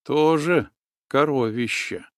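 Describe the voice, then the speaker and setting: A man's voice: medium pitch, slow pace, no room sound, clean studio sound, natural voice. A man reading the part of an awed young village girl in a storybook, with a folksy, wondering way of speaking.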